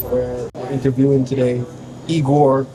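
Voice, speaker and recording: A man's voice: mid-range voice, level tone, normal speed, poor audio. Man, podcast host, curious upbeat tone, café crowd behind. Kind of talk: casual interview. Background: café crowd chatter.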